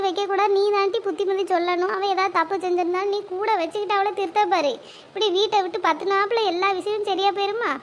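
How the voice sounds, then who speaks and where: A woman's voice: very high-pitched, a bit bright, a little hiss or hum. A woman voicing a fretful, kind older village woman in a cartoon, speaking in a worried, scolding, motherly manner. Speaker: cartoon character. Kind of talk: cartoon voice acting.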